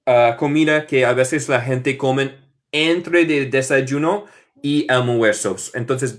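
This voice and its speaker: An American man with a Northern US accent, a native English speaker, teaching English in Spanish with slow, drawn-out model phrases in a live online lesson. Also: mid-range voice. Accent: Northern US (Michigan). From United States. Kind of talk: live online lesson, reading chat questions.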